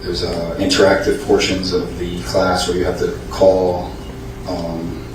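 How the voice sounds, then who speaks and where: Low, flat-voiced American man testifying, echoey room. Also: unhurried. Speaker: gang investigator testifying as expert witness. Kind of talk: courtroom testimony under questioning. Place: courtroom. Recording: echoey, distant, noisy courtroom audio.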